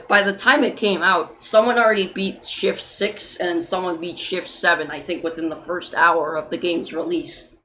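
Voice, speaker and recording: A woman's voice: lowish voice, fairly bright tone, a little hiss or hum, low-quality recording. A young woman, an indie game developer, chatting loosely in a livestream Q&A with many fillers and casual swearing.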